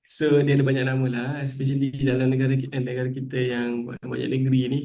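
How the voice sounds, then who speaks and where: A Malaysian man speaks from a little distance in an echoey room. His voice is soft-edged and mellow. He presents informally, sliding between English and Malay and tacking on local slang particles. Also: mid-range voice, monotone, very fast, vocal fry. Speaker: presenter giving a medical talk. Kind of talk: informal presentation and audience quiz. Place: meeting room.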